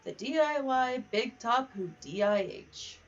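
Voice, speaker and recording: A candid, sweary woman hosts a casual gaming livestream from her home office, reading in-game letters aloud. Her voice sits high with lively intonation and a slightly slow pace, captured on a dull, distant mic with faint music in the background.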